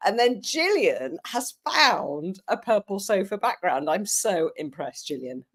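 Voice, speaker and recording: A woman's voice: mid-range voice, very animated, unhurried, a bit bright. Bubbly English woman hosting a livestream. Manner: bubbly, effusive, laughs often. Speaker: live show host. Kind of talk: enthusiastic livestream chat.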